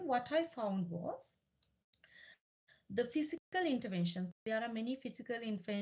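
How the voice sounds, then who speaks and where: A woman from Sri Lanka giving an academic lecture about her doctoral research, speaking in a measured, explanatory way with frequent fillers and restarts. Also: on the high side, a little mellow.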